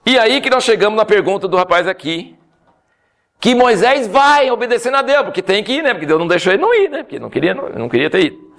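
A man preaching a sermon, telling the story with animated humor. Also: high voice, quick pace, gravelly. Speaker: pastor.

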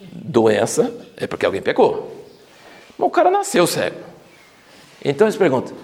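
Lively gravelly man teaching the Bible. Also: medium pitch. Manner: lively storytelling, acting out quoted lines. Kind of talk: informal Bible study talk.

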